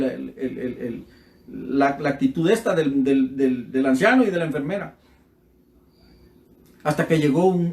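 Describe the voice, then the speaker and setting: A man's voice: a little high, darkish tone, reverberant. A man preaching a sermon with passion, acting out the voices in his stories, with a Central American Spanish accent. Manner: impassioned, acts out dialogue in his stories.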